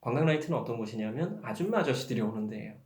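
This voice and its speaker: A man's voice: mid-range voice, lively intonation, very fast, a little mellow. Man, pastor, sermon, personal storytelling, emphatic questions, echoey church hall. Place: church sanctuary. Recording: roomy church echo.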